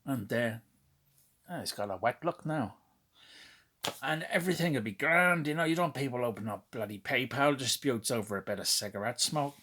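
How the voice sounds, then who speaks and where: A man's voice: medium pitch, animated, normal speed, pushed and bright, pitched above the performer's own voice. A man putting on a Northern Irish accent to give some chummy, teasing advice. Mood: jokey advice. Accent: Northern Irish, put on.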